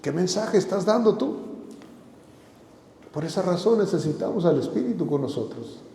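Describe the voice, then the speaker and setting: A man's voice: high voice, big pitch swings, normal speed, dark tone, echoey room, in a large hall, a little hiss or hum. A man preaching a sermon as pastor, exhorting the listeners with repeated phrases and rhetorical questions.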